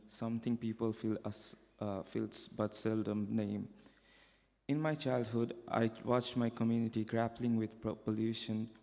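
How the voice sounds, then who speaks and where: A young man from Bangladesh giving a prepared personal testimony at a conference, in a measured, earnest delivery with occasional restarts. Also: lowish voice, vocal fry, mellow. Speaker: conference speaker. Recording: echoey hall reverb.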